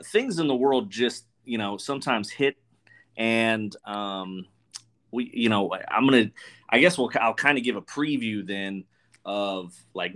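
A man with a fairly low voice hosts a casual podcast. He speaks informally and bluntly, bantering and swearing freely as he chats to listeners and his co-host. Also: a bit bright.

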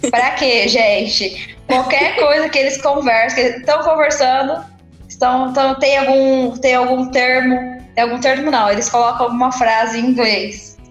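A woman's voice: high voice, fairly even intonation, normal speed, roomy sound, lo-fi sound, soft background music. A woman co-hosting a casual podcast, chatty and exasperated, often laughing as she talks. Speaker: podcast co-host.

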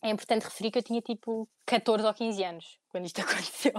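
A woman's voice: mid-range voice, fast talker, no echo. A young woman with a European Portuguese accent, co-hosting a podcast in a joking, teasing chat. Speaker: podcast co-host. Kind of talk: casual chat.

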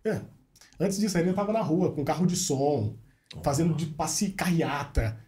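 A man tells stories in a relaxed podcast chat, voicing the people he quotes. His voice sits a little high for a man. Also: normal speed. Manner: animated storyteller, acts out quoted dialogue. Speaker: journalist and radio host, podcast guest.

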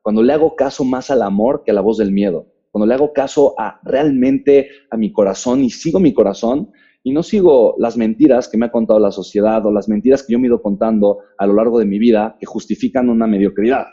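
A Mexican man tells his story as an interview guest, animated and dotted with fillers. His voice is very dark and mellow. The recording sounds dull and muffled. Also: on the low side, a little fast, breathy edge. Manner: animated, fills with "eh" and "pues". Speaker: guest, author and entrepreneur.

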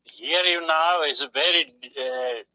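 Male interview guest, slow and halting delivery, sharp bright tone. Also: on the high side, low-quality recording. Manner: halting, many fillers and pauses. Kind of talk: casual phone interview.

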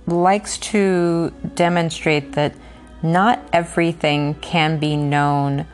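Woman with a very low voice; reads aloud, then muses hesitantly with lots of ums; faint music under. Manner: hesitant in commentary, many fillers. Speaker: reader and book commentator. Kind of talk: reading a novel aloud, then casual commentary.

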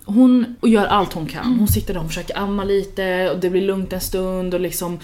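A young woman from Sweden, podcast host chatting casually, telling an animated story and acting out what people said. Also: mid-range voice. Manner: animated storyteller, acts out quotes, mixes in English.

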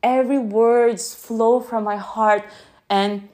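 A woman with a Filipino accent hosting an unscripted podcast into her phone, gently guiding breathing and then talking in a halting way with many restarts. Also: a little high, steady tone. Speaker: podcast host.

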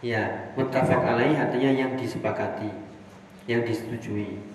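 A man's voice: medium pitch, normal speed, a little hiss or hum. A man teaching Arabic grammar from a classical text, putting questions to his students and answering them himself. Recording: echoey hall from far off.

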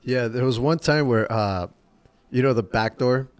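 A man's voice: mid-range voice, measured pace, dry recording. A man hosting a podcast, a barber telling shop stories in casual chat, swearing freely and acting out quotes. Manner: swears freely, animated storytelling with acted quotes. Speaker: podcast host.

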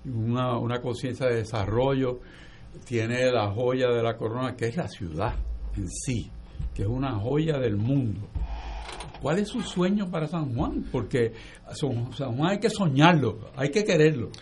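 A man co-hosting a radio interview, building up his question slowly and thoughtfully. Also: mid-range voice, animated, a little mellow.

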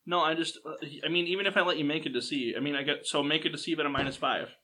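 A man's voice: a little high, fairly even intonation, racing, bright, forceful tone. A young man running a tabletop game as game master, narrating with frequent ums and hesitations.

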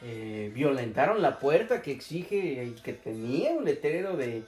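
A man's voice: medium pitch, big pitch swings, moderate pace, a little mellow. A young man with a Mexican accent, co-hosting a podcast, telling a story in casual, joking, profane chat. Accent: Mexican Spanish. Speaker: podcast co-host. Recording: echoey room with faint music.

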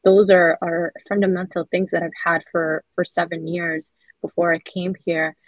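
Husky-voiced Somali-born woman, low and flat. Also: no echo, narrow, tinny audio. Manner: earnest, measured, many soft fillers. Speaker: children's book author, guest. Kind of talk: reflective interview answers.

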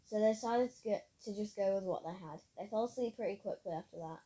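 A woman's voice: medium pitch, quick pace, warm tone, poor audio. A woman reading her own story aloud in a plain storytelling manner, with occasional slips. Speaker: narrator.

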